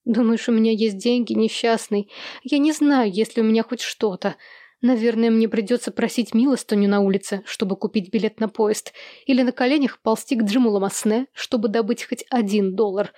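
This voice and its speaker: Woman voicing a hysterical middle-aged mother, bitter and accusing, storybook reading, slightly high, dry close recording. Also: brisk, no room sound, natural voice. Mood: bitter despair. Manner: bitter, accusing, shouting threats.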